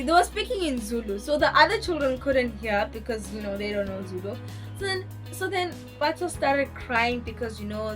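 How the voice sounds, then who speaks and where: A teenage girl telling a school story in a rambling, animated way, full of fillers. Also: medium pitch. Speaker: vlogger. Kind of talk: casual storytelling.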